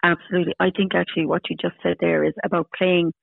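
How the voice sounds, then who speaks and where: A woman in her fifties talks casually and emphatically in a Munster Irish accent. Her voice has plenty of fry in it. It comes through a narrow, tinny phone-style connection with very little room around it. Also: lowish voice, level tone, quick pace, no echo. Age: 50s. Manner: chatty, emphatic repetition. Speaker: podcast guest, Masters hockey player. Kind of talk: casual interview.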